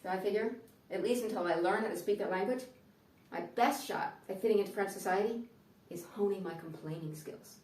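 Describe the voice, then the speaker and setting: A woman's voice: mid-range voice, fairly quick, darkish tone. Sardonic American woman, echoey far mic. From United States. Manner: dry, sardonic delivery with playful asides. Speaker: comedian. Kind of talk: stand-up comedy monologue.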